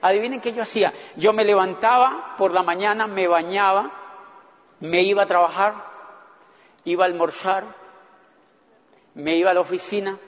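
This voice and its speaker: A man, telling his own story to an audience in an animated way and acting out his past thoughts. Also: sits high, moderate pace, long pauses. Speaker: motivational speaker. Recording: dull, echoey hall recording.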